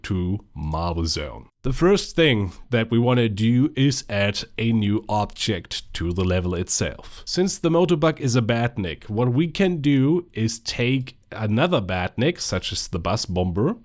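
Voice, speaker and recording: A man with a cold and a nasal voice, hosting a chatty, relaxed tutorial with joking asides. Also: medium pitch. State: sick with a stuffy nose. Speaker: tutorial host. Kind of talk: screen-recorded coding tutorial.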